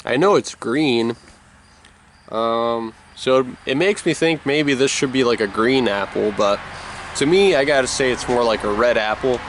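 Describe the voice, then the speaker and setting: Chewing tobacco in his cheek, this man rambles casually through a product review outside, speaking in a mid-range voice at an unhurried pace. Loud chatter from nearby people and the sound of vehicles fill the noisy background.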